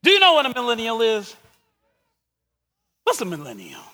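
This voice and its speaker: A middle-aged man preaching a sermon as pastor, swinging from quiet asides to shouted calls. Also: very high-pitched, wildly swooping pitch, normal speed, long reverb tail.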